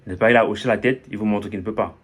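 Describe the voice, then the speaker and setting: A man's voice: lowish voice, steady tone, racing, husky. A man giving a casual pronunciation lesson, chatty, repeating example phrases and asking for agreement. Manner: chatty, repeats example phrases, says "n'est-ce pas" often. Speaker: English pronunciation teacher.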